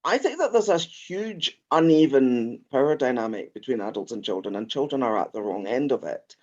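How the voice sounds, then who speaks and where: A man's voice: mid-range voice, lively intonation, moderate pace, lo-fi sound. A man co-hosting a casual podcast chat, thinking aloud with frequent restarts. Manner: thoughtful, rambling with restarts. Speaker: podcast co-host.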